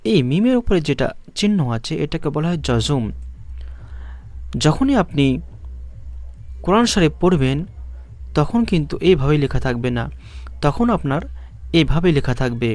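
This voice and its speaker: Man, Bangladeshi Bengali accent, reading teacher, repeats slowly, somewhat high-pitched, dry recording. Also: lively intonation, a little mellow, no room sound. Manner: patient, repeats each syllable slowly for learners. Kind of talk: step-by-step spelling lesson.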